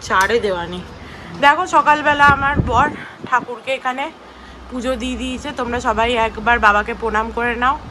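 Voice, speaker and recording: A woman's voice: fairly high pitch, fairly quick, background noise. A young woman from West Bengal chatting to viewers in a casual daily-life vlog while she does chores at home. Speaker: vlogger. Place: home, indoors.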